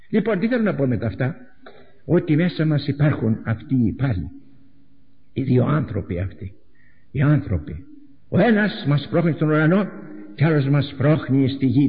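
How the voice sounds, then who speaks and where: A man preaching a sermon with a dramatic delivery, repeating phrases and swinging between loud outbursts and hushed asides. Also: mid-range voice. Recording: echoey hall, dull lo-fi recording.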